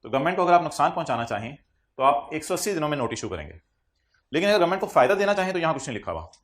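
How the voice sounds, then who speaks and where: A man's voice: on the high side, sing-song, rapid-fire. Joking Pakistani Urdu tax lecturer man. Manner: teasing, jokey, quizzes students with questions, mixes English phrases into Urdu. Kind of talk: classroom lecture.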